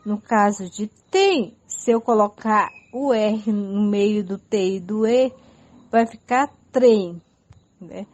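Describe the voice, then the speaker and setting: A woman's voice: mid-range voice, takes it slowly, a little mellow. A woman teacher giving a radio lesson for adult learners, patiently spelling out letters and listing example words. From Amazonas, Brazil.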